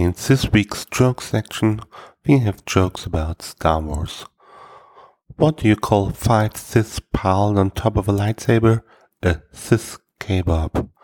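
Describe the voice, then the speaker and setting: A man hosting a comedy podcast, telling self-deprecating stories and jokes in a dry, deadpan delivery. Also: lowish voice. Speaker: podcast host.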